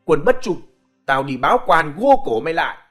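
A greedy old landlord, blustering and quick to anger, as a male storyteller puts him on. His voice swings up sharply when he threatens, raised and hurried. This is a spoken folk tale, read over faint music. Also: fairly high pitch, very animated. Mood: angry. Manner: blustering, irritable.

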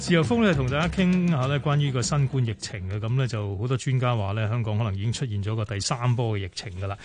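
A man with a Hong Kong Cantonese accent hosting a radio phone-in show, brisk and full of fillers. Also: mid-range voice, a little mellow, faint music behind. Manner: brisk, many fillers and pauses. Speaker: radio talk show host.

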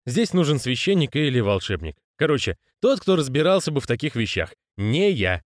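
A man's voice: mid-range voice, very animated, normal speed, no room sound, studio quality, pitched above the performer's own voice, close to an everyday voice. A male reader voicing a jittery young conman who talks in a raised, flustered, protesting way. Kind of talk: audiobook character reading.

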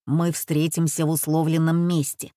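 A woman voicing Van, a tense, commanding man, with a low, hushed, urgent voice in an audiobook. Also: flat delivery, moderate pace, dry recording, studio quality, lightly acted. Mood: steady firm. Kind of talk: audiobook character voice.

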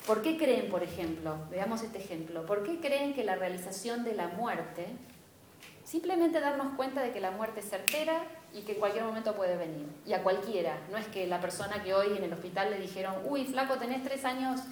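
Speaking at normal speed with lively intonation, a woman with a medium-pitched, darkish voice and a Rioplatense Spanish accent leads a spiritual class. She keeps students engaged and checks in with them often; the echoey room adds slight background noise.

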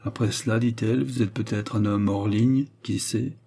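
A man voicing a greedy young courtesan, sharp, impatient and ironic, barely changing his own voice in an audiobook reading. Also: lowish voice, steady tone, moderate pace, vocal fry.

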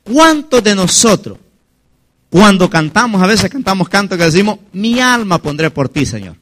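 A middle-aged man from Mexico preaching a sermon, dramatic, acting out the voices he quotes and shouting his high punch lines. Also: very animated, normal speed.

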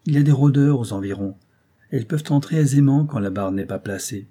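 A man reading an audiobook aloud, voicing a worried young innkeeper's wife with a soft, pleading, husky voice. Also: medium pitch, a little fast, pitched above the performer's own voice, natural voice.

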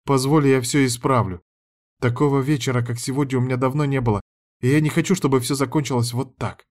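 Guy doing a soft-spoken pleading woman in an audiobook, voice just a bit higher than his own. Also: fairly even intonation, fast talker, lightly acted. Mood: eager. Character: adult woman, submissive, pleading school director.

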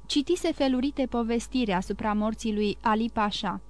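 A woman narrating a classic novel in a measured, expressive audiobook reading. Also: on the high side. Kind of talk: scripted literary narration.

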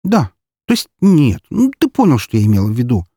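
A man reading an audiobook and voicing a sharp, dismissive young woman who teases and gets defensive. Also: medium pitch, huge pitch swings, a little fast, slightly rough, no echo, studio quality, voice pushed up. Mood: flustered. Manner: scoffing, sharp and a bit defensive. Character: young woman, quick-tongued, dismissive, teasing. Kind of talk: audiobook character voice.

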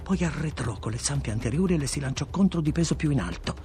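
A man reading a literary story aloud as an audiobook narrator, in a gravelly, husky voice with expressive, dramatic delivery. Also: a little high, fast, faint music behind. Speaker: audiobook reader.

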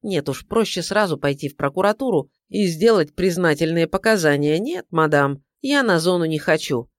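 A woman's voice: on the low side, lively intonation, normal speed, dry recording, natural voice. A woman reading the part of a tired, sardonic male private detective in a dry, grudging manner for an audiobook. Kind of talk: audiobook character voice.

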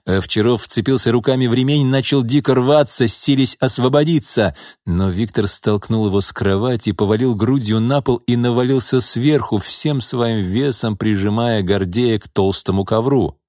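A man reading a thriller audiobook in a steady, even scripted narration. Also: mid-range voice, normal speed, few pauses, no echo, clean studio sound.

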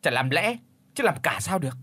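A man's voice: on the high side, sing-song, fairly quick, bright, forceful tone, no room sound, heavily acted. A man voicing an anxious, doting older village mother who coaxes and frets. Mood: fretful.

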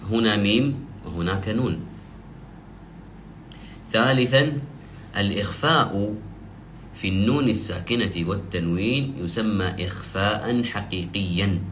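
A man teaching the rules of Quranic recitation, explaining step by step and slowly drawing out the example verses he recites. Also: lowish voice, a bit bright, slight background noise. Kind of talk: tajweed lesson.

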